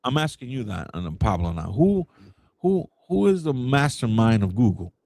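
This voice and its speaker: A man chatting on a podcast, telling a story with animated energy. His pitch swings widely as he goes. The sound is dry and close to the mic. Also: normal speed, vocal fry, no room sound. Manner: animated storyteller who acts out quoted people. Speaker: podcast co-host. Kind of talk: casual chat.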